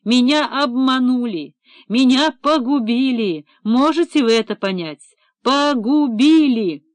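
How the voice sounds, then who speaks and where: A woman's voice: on the high side, expressive, takes it slowly, no room sound, pitched above the performer's own voice. A woman voicing a distraught, hysterical male embezzler, pleading and wailing theatrically.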